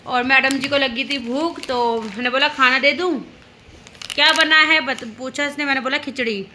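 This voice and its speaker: A young woman talks in a high, clear, very bright voice, chatting casually at home. She tells family stories in a teasing, storytelling way, with a faint hiss behind her. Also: steady tone, moderate pace. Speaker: vlogger and mother. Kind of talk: casual home vlog chat.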